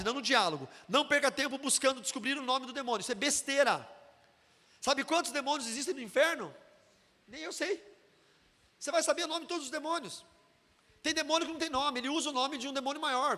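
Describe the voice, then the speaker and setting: A Brazilian man, a pastor, giving an animated sermon-style teaching and acting out the voices in his stories. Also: very high-pitched, in a large hall. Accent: Brazilian Portuguese. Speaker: pastor teaching a deliverance seminar.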